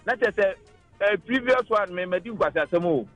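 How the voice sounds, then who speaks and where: A man's voice: high voice, lively intonation, fairly quick, no echo, lo-fi sound, faint music behind. A man with a Ghanaian accent giving his opinion as a caller on a radio show, switching between languages as he argues. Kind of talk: opinionated call-in argument, mixing languages.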